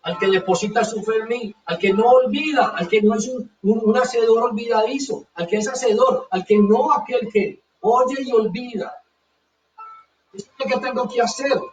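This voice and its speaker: A man's voice: very high-pitched, normal speed, few pauses, recorded from a distance, slight background noise. A man preaching a sermon with fervor, hammering his points by repeating them. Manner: fervent, repeats phrases for emphasis. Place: church hall. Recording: dull echoey church sound from afar.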